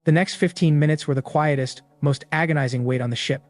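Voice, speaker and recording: A man narrating a story recap in the first person, in a steady, matter-of-fact way. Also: on the high side, a little fast.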